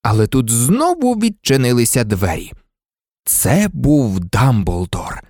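Audiobook narrator, very animated pitch, dry close-miked sound. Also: slow, dry recording. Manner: lively, expressive reading. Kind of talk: scripted narration.

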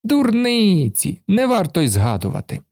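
A man's voice: high-pitched, huge pitch swings, moderate pace, darkish tone, dry recording, studio quality, voice pushed up, full character voice. A man reading a storybook aloud and voicing a boastful, carefree, plump little man who brushes off every trouble. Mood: breezy.

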